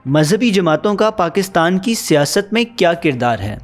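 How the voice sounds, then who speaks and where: Male interviewer, high voice, calm measured questions. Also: soft background music.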